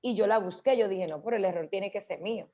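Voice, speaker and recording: A woman hosts a casual radio talk. She explains speech habits, often pausing to say difficult words slowly and clearly. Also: mid-range voice, dark tone. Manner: explanatory, slows down to demonstrate words. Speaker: radio host.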